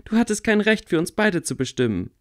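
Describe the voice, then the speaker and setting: A man's voice: big pitch swings, a little fast. A man voicing a stubborn frustrated young witch girl. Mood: indignant. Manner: pleading, raised pitch.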